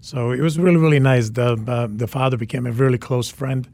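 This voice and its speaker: On a radio interview, a forty-something photographer from the Czech Republic, a native Czech speaker, talks briskly in a mid-range, creaky and darkish voice. He's enthusiastic and repeats words to drive points home.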